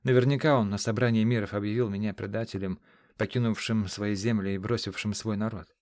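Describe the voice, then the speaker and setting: A man reading the lines of an exiled desert king in an audiobook, measured and solemn. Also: on the low side, fairly even intonation, darkish tone, no room sound, clean studio sound, natural voice. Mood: grave.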